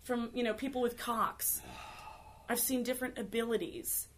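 A woman's voice: on the high side, moderate pace, slight background noise. A woman in her thirties, a guest on a podcast, talking boldly and flirtatiously in casual chat. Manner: bold, animated and flirtatious. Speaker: guest, TV host.

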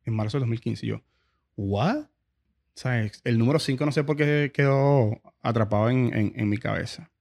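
A man's voice: medium pitch, normal speed, gravelly, a little mellow. Hesitant man hosting a podcast. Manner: hesitant, repeats words while searching for them. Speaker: podcast host. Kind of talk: casual interview chat.

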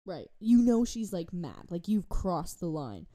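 Giggly young woman telling stories, dark voice. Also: on the low side, a little slow. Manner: laughing often, giggly and animated. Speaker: podcast co-host. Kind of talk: casual storytelling chat.

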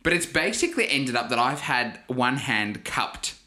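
Bright-voiced dad telling stories. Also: male voice, medium pitch, normal speed. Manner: animated storyteller, laughs often. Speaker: podcast co-host. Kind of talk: casual chat.

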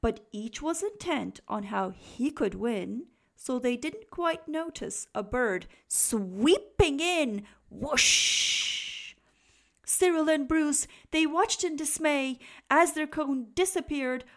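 A woman reading a rhyming children's picture book aloud in a slow, expressive, lilting way. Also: high-pitched. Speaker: storybook reader.

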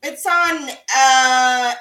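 A woman's voice: high-pitched, drawn-out words, bright, forceful tone, distant mic. A woman co-hosting a casual podcast chat, swearing freely and laughing often as she tells a story. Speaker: podcast co-host. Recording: roomy echo.

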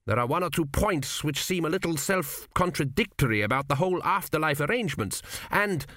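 A man voicing a newly dead king who grumbles and frets, raised well above his own pitch. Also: lively intonation, brisk, a bit bright, dry recording, studio quality. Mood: agitated, snappy. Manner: querulous, grumbling. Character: fretful newly dead male king, indignant.

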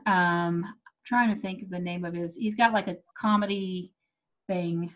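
A woman's voice: lowish voice, fairly even intonation, unhurried, muffled recording. A woman from Texas with an American accent, chatting casually and hesitantly as she thinks aloud. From Texas, United States. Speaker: comedian and comedy show producer. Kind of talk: casual chat.

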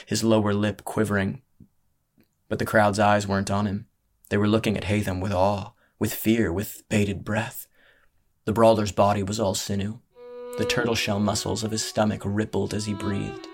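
A man reading a dramatic story as narrator, in a measured, dramatic way. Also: on the low side. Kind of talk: scripted audiobook narration. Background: music.

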